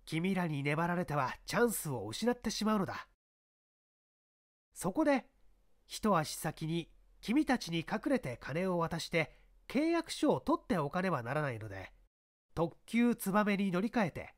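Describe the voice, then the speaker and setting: In a dramatised detective story, a man plays a self-assured police inspector who lays out his deductions with emphatic, rhetorical flair. His voice sits high.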